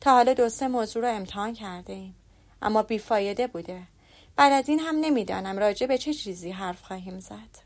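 A woman reading the lines of a witty, spirited young woman in a lively, teasing way. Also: medium pitch, lightly acted.

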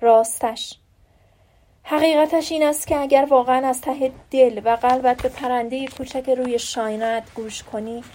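A woman voicing a gentle, wise old male professor who is dying, speaking softly and reflectively in an audiobook. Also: a little high, a little hiss or hum, natural voice.

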